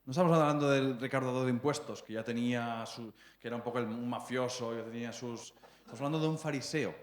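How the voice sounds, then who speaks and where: A man's voice: mid-range voice, fast. A man in his thirties with a Spanish accent preaching a sermon, chatty and prone to repeating words as he checks in with the congregation. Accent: Spain. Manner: conversational, often checks in with the congregation; stumbles and repeats words while searching for phrasing. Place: church hall. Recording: echoey church hall.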